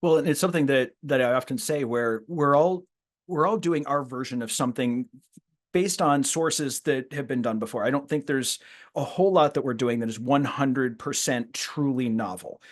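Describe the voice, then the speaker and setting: A man's voice: mid-range voice, normal speed. Reflective male podcast host. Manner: reflective, repeats words while thinking. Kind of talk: casual interview chat.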